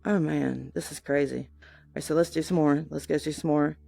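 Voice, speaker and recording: A woman streaming a live first-reaction vlog from a VR app, talking to her viewers and gushing with excitement. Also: sits low, moderate pace, gravelly, faint music behind. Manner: excitable, gushing exclamations, calls viewers y'all. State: shaky and overwhelmed with excitement. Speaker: VR vlogger.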